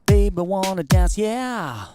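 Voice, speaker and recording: A man's voice: high voice, very animated, slow, over music. A man demonstrating an audio effects unit, singing short repeated hooks over drums while a stutter edit chops and repeats his words. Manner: loose, repetitive sung hooks. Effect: chopped stutter edit repeating and cutting up his sung words. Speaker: product demonstrator. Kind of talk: singing short phrases over a drum pattern.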